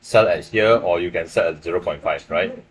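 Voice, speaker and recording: A young Malaysian man speaks in Malaysian English with a very low, deep voice. He talks casually through trade setups on a live stream, checking in with his viewers often. A faint hum sits under the recording from his small room. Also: moderate pace. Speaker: livestream forex trader. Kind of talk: live trading stream commentary.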